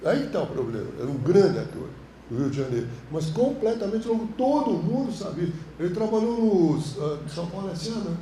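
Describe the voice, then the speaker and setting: A man's voice: sits high, brisk, roomy sound, slight background noise, low-quality recording. A man with a Brazilian Portuguese accent, a film director teaching a course, telling anecdotes in a colloquial, slangy way. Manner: animated, colloquial storytelling, frequent slang. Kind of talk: lecture with anecdotes. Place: university classroom.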